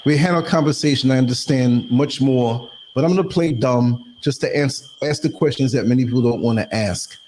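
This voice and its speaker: A man hosting a casual interview, asking questions in a lively, playful way. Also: medium pitch, brisk, hardly any pauses, a little hiss or hum. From United States. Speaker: podcast host.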